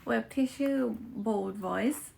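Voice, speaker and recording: A woman's voice: mid-range voice, slow, vocal fry, darkish tone, slight background noise. A woman with a Thai accent, a native Thai speaker, hosting a casual livestream chat into a phone mic and switching between chatty Thai and careful English. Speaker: livestream host.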